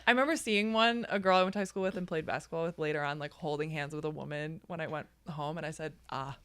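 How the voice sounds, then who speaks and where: A woman's voice: sits low, fairly even intonation, fast, a bit bright, a little hiss or hum. A woman guest on a podcast, chatting casually, swearing freely and laughing often. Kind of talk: casual chat.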